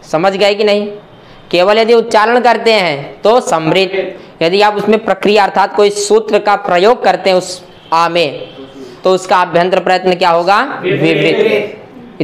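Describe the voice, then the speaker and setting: A man teaching Sanskrit grammar as a lesson, asking questions and answering them himself and checking often that the listener follows. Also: sits high. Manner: asks and answers his own questions, checks understanding often. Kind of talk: classroom explanation.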